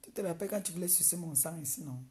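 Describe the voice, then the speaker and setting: A woman's voice: fairly low pitch, racing, warm tone. A woman on a live video, taunting someone she dislikes and repeating insults over and over. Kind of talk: mocking live-video rant.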